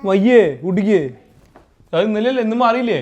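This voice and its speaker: A woman's voice: medium pitch, brisk. Chatty woman vlogging her home cooking. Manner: chatty, mixes English into Malayalam. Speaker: family vlogger and home cook. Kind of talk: casual vlog chat and cooking narration. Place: home kitchen and dining area.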